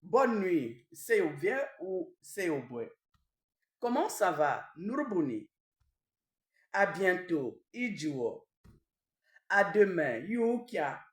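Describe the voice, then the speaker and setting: A woman in the role of a traditional queen gives a language lesson. She repeats each word slowly and often tags her phrases with a questioning "hein?". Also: on the low side, very animated. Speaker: traditional queen teaching vocabulary. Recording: echoey room, mic at a distance.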